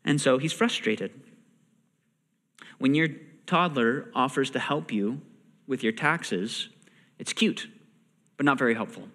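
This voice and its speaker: A man's voice: mid-range voice, slow, pauses often. A man preaching a sermon, reading scripture and explaining it in a conversational way, sometimes acting out the characters' lines. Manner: animated, acts out characters' lines. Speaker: pastor. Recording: long hall reverb.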